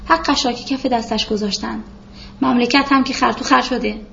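A woman narrates a literary novel as an audiobook, calm and measured, her somewhat high voice slightly creaky. The recording is dull and lo-fi, with a faint hiss behind her.

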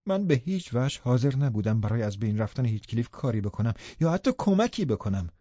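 A man's voice: mid-range voice, very animated, dark tone, no echo, highs cut off. A man narrating a classic novel in first person as an audiobook, reading expressively and dramatically.

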